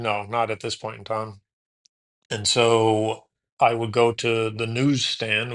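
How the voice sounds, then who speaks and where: A man's voice: on the low side, fairly bright tone. A man in his late forties from Houston, a podcast host telling his story in a casual, rambling way, often correcting himself and saying "man" and "dude". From Houston, USA. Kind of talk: casual storytelling interview answers.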